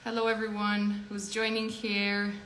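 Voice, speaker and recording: A woman's voice: mid-range voice, completely flat delivery, measured pace, a bit bright. A woman hosts a casual live stream, chatty and filled with ums. Her voice carries a roomy echo over a faint hum, as if she is talking into a phone indoors. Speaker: host.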